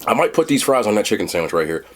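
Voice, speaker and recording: A man's voice: lowish voice, sing-song, very fast. A man giving a casual, unscripted food and movie review, rambling and blunt, with slangy phrasing and casual swearing.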